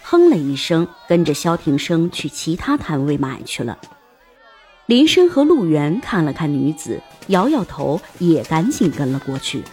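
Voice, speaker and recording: Woman narrator, audiobook, lively pitch, lowish voice, faint music behind. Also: moderate pace, husky. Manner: expressive, storytelling.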